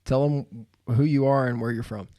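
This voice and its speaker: A man hosting a podcast in a studio, telling stories in a lively, laughing way. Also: medium pitch, moderate pace, dry recording. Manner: animated storyteller, laughs while telling. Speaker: podcast host. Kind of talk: casual podcast chat.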